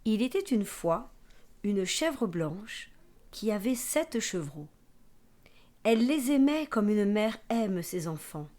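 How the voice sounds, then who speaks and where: A woman teacher reading a fairy tale aloud, expressive and sometimes whispering for suspense. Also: medium pitch, takes it slowly. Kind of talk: storybook narration.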